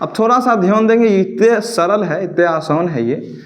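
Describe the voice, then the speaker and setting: A man with a fairly high-pitched voice teaches a classroom grammar lesson. He poses each question, repeats it and answers it himself in a steady call-and-response rhythm. He slows down to dictate definitions for the class to copy. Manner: slow, dictating pace for note-taking. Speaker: Sanskrit teacher.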